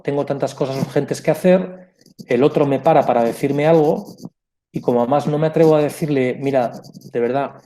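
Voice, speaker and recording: A man's voice: mid-range voice, warm tone. A man giving a reflective pastoral conference talk, explaining ideas with asides and small self-corrections. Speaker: conference speaker.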